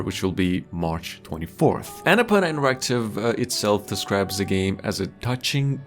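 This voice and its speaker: A man presenting video game news in a conversational, wordy narration full of asides. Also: on the low side. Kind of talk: semi-scripted gaming news narration. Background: background music.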